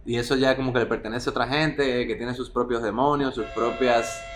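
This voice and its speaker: A man's voice: mid-range voice, fairly even intonation, a little fast. A man from the Dominican Republic with a Dominican Caribbean Spanish accent, explaining things reflectively and colloquially in an interview. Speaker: film director being interviewed. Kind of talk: conversational interview. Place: home, beside a street with motorbikes. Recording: clear street noise behind.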